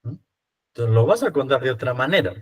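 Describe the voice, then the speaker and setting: A priest with a Peruvian accent teaches a class in a loose, conversational way. He keeps asking his listeners rhetorical questions and tags his sentences with quick checks for agreement. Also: mid-range voice, big pitch swings. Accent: Peruvian Spanish. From Peru. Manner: rhetorical questions, frequent tag questions. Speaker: priest giving a lecture. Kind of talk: conversational lecture to church readers.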